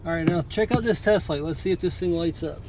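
Sitting in a parked car, a man in his thirties who works as an auto technician records himself on a close-held phone, explaining a repair in a relaxed how-to manner. He speaks quickly in a fairly high, darkish voice over faint background noise.

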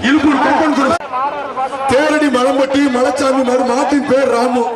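A man with a Tamil Nadu accent giving excited live event commentary over a loudspeaker, shouting repeated calls and urgings as announcer. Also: very high-pitched, moderate pace. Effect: amplified through loudspeaker PA. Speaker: live event announcer at a bull-taming contest. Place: outdoor arena with loud crowd behind. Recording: echoing outdoor PA, distant, loud crowd.

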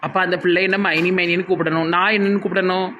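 Quick, nosy Tirunelveli-accented speaker. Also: medium pitch, flat delivery, lo-fi sound, slight background noise. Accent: Tirunelveli Tamil. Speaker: comedy sketch actor. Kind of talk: scripted village comedy sketch.

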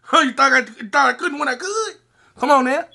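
A man with a high, gravelly voice talks casually to his viewers as the host of an eating show. His delivery is bright and lively, with big swings in pitch as he boasts and calls out to them. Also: a little fast. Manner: animated, hypes himself up, calls out to viewers. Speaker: mukbang host. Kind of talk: casual storytelling to camera while eating.

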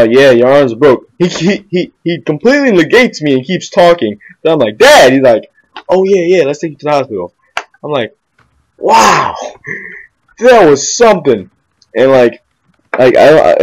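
A man's voice: mid-range voice, a little mellow, rough recording. Rambling young man telling a story. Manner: rambling, repeats "I'm like", laughs at himself. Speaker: podcast co-host. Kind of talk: casual storytelling chat.

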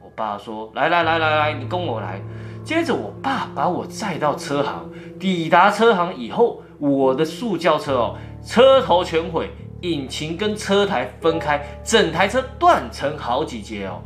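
A man with a Taiwanese Mandarin accent telling a first-person ghost story in an animated way, acting out the scenes. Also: on the high side, a little slow, hardly any pauses, faint music behind.

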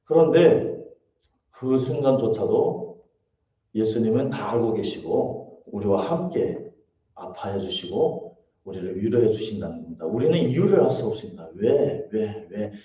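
A man preaching a dawn-service sermon, who acts out quoted lines in lively voices and drops soft and low at times. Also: normal speed. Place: church sanctuary. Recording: distant echoey church room, muffled.

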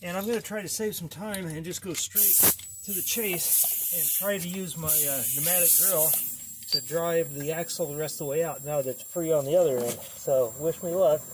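A slightly high-pitched man talks at a moderate pace over heavy background noise. He's a home mechanic narrating his own car repair like a casual how-to, plain-spoken and wry, full of fillers and restarts.

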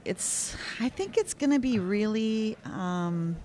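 A chatty woman co-hosting a live event broadcast from an indoor competition hall. She talks in a relaxed, conversational way at a middle pitch and laughs easily between observations. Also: takes it slowly. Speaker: co-host and commentator. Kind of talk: live event commentary, casual chat.

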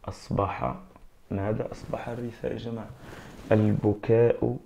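Gravelly Algerian man teaching slowly. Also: fairly low pitch, fairly even intonation, a little mellow, slight background noise. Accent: Algerian Arabic. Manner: slow, drawn-out dictation of answers, frequent checks of understanding. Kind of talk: exam revision lesson.

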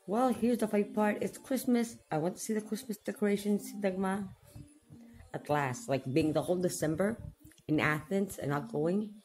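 A woman's voice: mid-range voice, moderate pace, darkish tone, poor audio. A woman vlogging in a chatty, casual way while speaking with new dentures, laughing often as she gives an update. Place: in Athens.

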